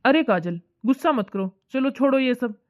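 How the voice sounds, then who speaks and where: A woman voicing an easygoing husband in an animated family story, calming and brushing off his wife's complaints. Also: fairly high pitch, normal speed, no room sound, pitched below the performer's own voice, natural voice. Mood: placating. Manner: placating, brushing things off. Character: easygoing husband, calm, dismissive. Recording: tinny phone-like dry voice track.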